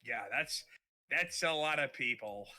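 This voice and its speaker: A man's voice: mid-range voice, lively intonation, unhurried, pushed and bright. A man doing casual esports commentary, teasing his co-caster in dry, playfully formal phrasing. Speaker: esports shoutcaster.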